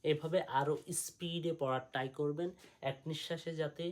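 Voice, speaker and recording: A man's voice: a little high, fairly even intonation, normal speed. A man teaching English letter sounds in a patient lesson, repeating each one and asking the listener to say it back. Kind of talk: slow spoken English lesson.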